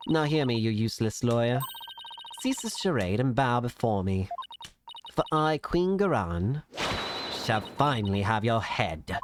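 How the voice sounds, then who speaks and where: A man's voice: medium pitch, expressive, measured pace, noisy background, close to an everyday voice. A man voicing an imperious, scornful queen in a visual novel game, commanding and regal like a pharaoh.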